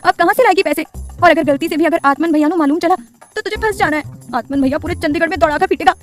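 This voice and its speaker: A hot-headed young college girl talks in a brash, slangy, dramatic way, as a woman acts her out. Her voice sits high and her words tumble out fast. Faint music plays under an audio story. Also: expressive, a bit bright. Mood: flustered.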